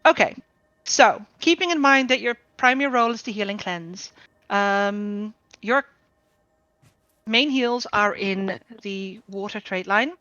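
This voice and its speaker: A woman guild trainer explaining a game build over group voice chat, steady and explanatory with frequent ums. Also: mid-range voice, measured pace, no echo. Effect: group voice chat audio. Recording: dull lo-fi voice chat mic.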